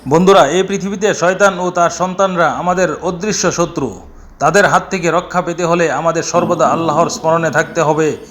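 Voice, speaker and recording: A man's voice: fairly high pitch, fairly even intonation, normal speed, a bit bright. A man reading a scripted religious narration in a solemn, dramatic storytelling manner.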